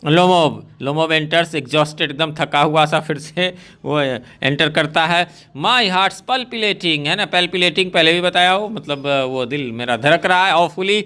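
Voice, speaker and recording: A man's voice: a little high, measured pace, hardly any pauses, bright, forceful tone. A male English teacher explaining a play line by line in a chatty, explanatory lesson, often checking in with tag questions.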